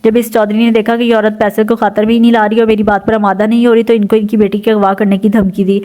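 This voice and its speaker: A woman's voice: mid-range voice, little pitch movement, dark tone, lightly acted. Brief: blunt nurse giving a lecture, a woman voicing her. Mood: lecturing. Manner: lecturing, frank. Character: blunt middle-aged hospital nurse.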